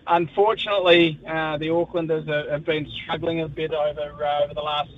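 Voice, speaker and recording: A man's voice: little pitch movement, brisk. An Australian man chatting as a sports correspondent in a live radio interview, discursive and colloquial. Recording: muffled, low-fi line with faint noise.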